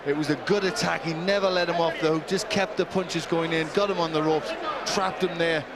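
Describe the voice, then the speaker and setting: Male boxing analyst, a touch high, conversational expert summary, very noisy crowd behind. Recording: loud crowd and noise behind commentary.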